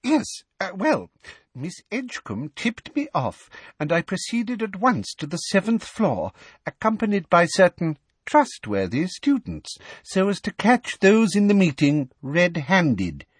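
A man's voice: sits high, sing-song, measured pace, husky, dry recording, pitched above the performer's own voice, heavily acted. A man voicing a cruel middle-aged woman official who talks in a falsely sweet, coaxing way. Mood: flustered.

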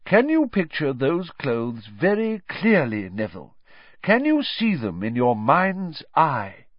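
A man voicing a cheerful, thoughtful teacher of magic in an audiobook, with a deliberate, encouraging manner. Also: on the high side, huge pitch swings, no echo, dull audio, voice pushed up, heavily acted. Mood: emphatic, coaching. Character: cheerful, reassuring, thoughtful male schoolteacher of magic. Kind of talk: audiobook character reading.

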